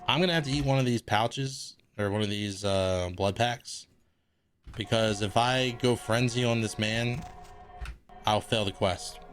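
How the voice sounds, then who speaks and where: A man's voice: lowish voice, unhurried, faint music behind. A man streaming a video game, chatting casually, thinking aloud and swearing freely. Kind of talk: casual gaming livestream commentary.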